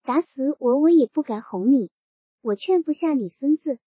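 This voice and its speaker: Timid young bride, meek soft-spoken, woman reader voicing her, dull lo-fi recording. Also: high-pitched, animated, normal speed, dry recording. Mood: pleading.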